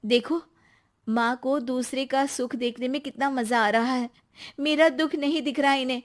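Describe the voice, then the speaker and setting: A woman voicing an earnest, trusting young wife in an animated story, quick to protest. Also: high voice, pitched above the performer's own voice, natural voice.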